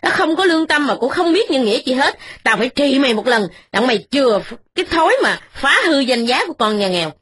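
A woman's voice: high-pitched, very animated, a little fast, hardly any pauses, fairly bright tone, slightly rough, heavily acted. A woman voicing a poor, proud older brother who lectures a rich young man in a reproachful tone. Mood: furious.

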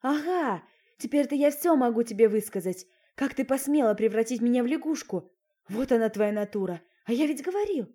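A woman's voice: medium pitch, normal speed, mellow, lightly acted. A woman playing a snappish frog man. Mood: angry. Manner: snappish, sarcastic. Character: spiteful young man turned into a frog.

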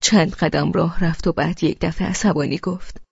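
A woman's voice: on the low side, fairly even intonation, creaky, breathy edge, no room sound, lo-fi sound. A woman narrating a novel in the first person as an audiobook, with an anxious, intense manner that slips into whispers. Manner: anxious, intense inner monologue, slipping into whispers.

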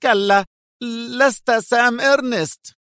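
A man voicing a nervous, cornered male agent who shouts in frantic, strained panic, pitched well above his own voice. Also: expressive, normal speed, dry recording, clean studio sound. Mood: terrified.

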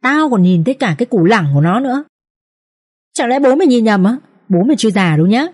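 Rough village patrolmen shout and swear as they hunt a thief, as a woman reader puts them on. The voice is pushed higher and louder, though still mellow at its core. It comes from a storybook reading. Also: expressive, quick pace. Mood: cursing.

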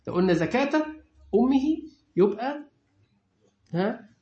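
High-voiced Egyptian teacher in echoey room. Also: male voice, lively intonation, warm tone. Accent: Egyptian Arabic. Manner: quizzes the class with quick questions. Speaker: religious teacher. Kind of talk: classroom lecture. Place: lecture room with students. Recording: echoey room, dull lo-fi sound.

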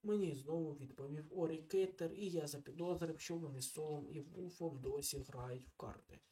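A man's voice: fairly high pitch, a little fast, mellow. Man reading a detective audiobook. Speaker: audiobook reader. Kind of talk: first-person detective audiobook narration.

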